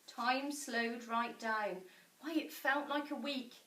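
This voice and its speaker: A woman reading a picture book to children in an expressive, dramatic style with deliberate pauses. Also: a little high. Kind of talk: expressive storybook narration for children. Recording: echoey room, distant mic.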